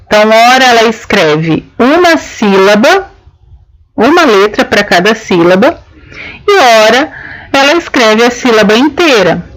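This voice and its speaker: A woman's voice: fairly high pitch, fairly bright tone, rough recording. A woman teaching a lesson, explaining each step patiently and checking in with her listeners. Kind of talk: explanatory lesson on children's writing.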